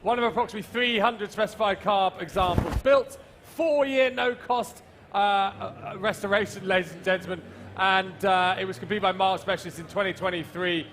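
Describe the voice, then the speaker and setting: A man's voice: high voice, normal speed, fairly bright tone. A man announcing and describing lots at a live auction. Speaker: auction lot presenter. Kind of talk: live auction lot presentation. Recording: live event with faint background noise.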